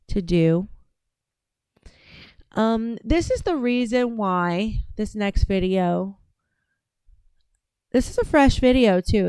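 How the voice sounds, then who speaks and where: Chatty and meandering, this Georgia-born livestream host from the US South keeps drifting off mid-thought and restarting. She has a medium-pitched, slightly mellow voice with a clear, resonant tone, captured in a dry recording.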